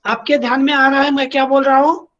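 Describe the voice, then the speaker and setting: A man's voice: very high voice, level tone, quick pace, a bit bright, lo-fi sound. A man with an Indian accent giving an online botany lecture, repeating key points and checking that students are following.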